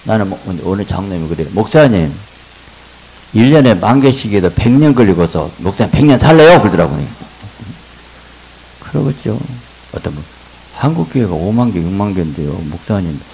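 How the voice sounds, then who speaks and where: Gravelly deep-voiced man preaching. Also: moderate pace, slight background noise, low-quality recording. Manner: animated preaching, bursts of loud laughing exclamations. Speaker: pastor. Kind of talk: sermon. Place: church revival meeting hall.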